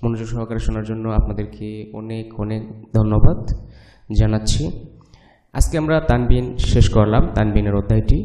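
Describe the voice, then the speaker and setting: A man's voice: lowish voice, level tone, a little fast, dark tone. A man teaching Quran reading who patiently spells out each syllable and then blends the word. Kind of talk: slow spelling-out lesson. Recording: echoey room, mic at a distance.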